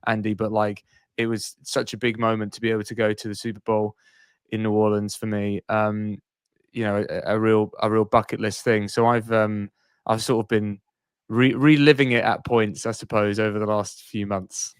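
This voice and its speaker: A man's voice: on the low side, flat delivery, normal speed, clean tone, no echo. A man in his thirties, a radio sports broadcaster, chatting as a podcast guest in an enthusiastic, emphatic way. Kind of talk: casual podcast chat.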